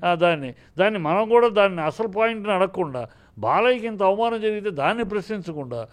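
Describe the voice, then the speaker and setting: A man speaks in a heated interview, fired up and indignant, cutting himself off and restarting mid-word. His voice is clear and smooth, sitting a little high. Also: expressive, fast talker. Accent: Telugu. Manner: combative, indignant, many broken-off restarts. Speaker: film producer, interviewee.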